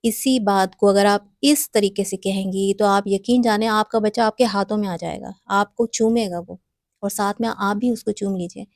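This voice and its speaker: A woman's voice: medium pitch, steady tone, darkish tone, no room sound, clean studio sound. A woman hosting a parenting advice talk, speaking earnestly and instructively straight to mothers. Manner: earnest, instructive, addresses viewers directly.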